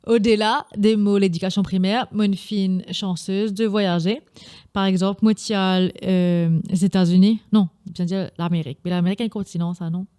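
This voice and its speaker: A woman's voice: medium pitch, steady tone, moderate pace, dark tone, clear, resonant tone. A young woman with a Mauritian Creole accent hosting a casual solo podcast, chatty and often slipping in English phrases. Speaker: podcast host.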